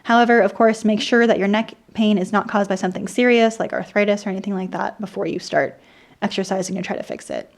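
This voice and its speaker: A woman presenting an explainer video, her voice dry and croaky, dropping into vocal fry at the ends of sentences. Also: mid-range voice. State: dry, croaky, irritated throat. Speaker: host of an explainer video channel. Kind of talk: scripted explainer narration with personal asides.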